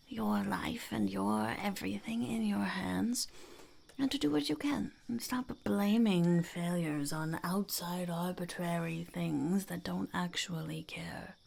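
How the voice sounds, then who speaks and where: Close to an ASMR microphone, a woman whispers as a blunt, mischievous female goblin, deadpan and cynical. Her medium-pitched voice is exaggerated, creaky, and breathy.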